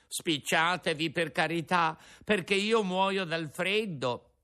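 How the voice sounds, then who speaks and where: A man's voice: high voice, slow, pushed and bright, smooth, pitched above the performer's own voice, full character voice. A man doing an impatient puppet boy. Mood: pleading. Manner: pleading, urgent, raised voice. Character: impatient wooden puppet boy, cold and desperate. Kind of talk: storybook reading with voices.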